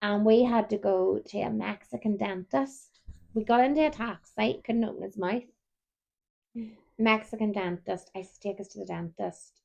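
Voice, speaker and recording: A chatty woman in her thirties, co-hosting a relaxed conversation. Her voice carries a gravelly, creaky edge. She tells long stories and keeps yawning. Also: medium pitch, normal speed, highs cut off. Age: 30s. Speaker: podcast co-host. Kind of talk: casual chat.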